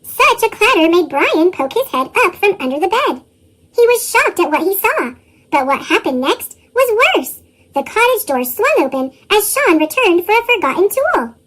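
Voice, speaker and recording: A storybook narrator whose voice is run through a sped-up chipmunk effect, reading a tale aloud with lively chuckles in the dialogue. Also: moderate pace, rough recording. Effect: sped-up, pitched-up chipmunk voice.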